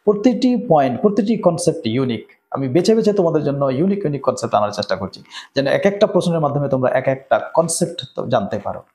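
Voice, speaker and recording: A man with a Bengali accent gives an explanatory English grammar lesson, going through each rule, asking "right?" often and reading example sentences slowly. His mid-range voice is very animated with a darkish tone.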